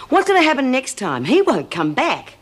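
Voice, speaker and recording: A woman's voice: high voice, huge pitch swings, moderate pace, slightly rough, exaggerated voice. An actress playing a blunt, combative woman prisoner with an Australian accent in a television prison drama. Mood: defiant. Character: defiant, hard-talking woman prisoner leading a protest.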